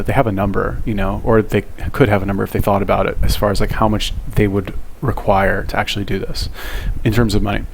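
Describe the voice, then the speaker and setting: A man giving casual, rambling online commentary in a halting, conversational way, with frequent swearing. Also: on the low side, creaky, slight background noise, poor audio.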